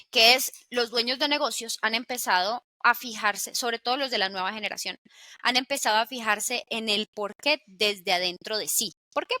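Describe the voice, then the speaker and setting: A woman interviewing in a reflective conversational way, deliberately drawing out key words as she develops her point. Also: fairly high pitch, sharp tone, no echo.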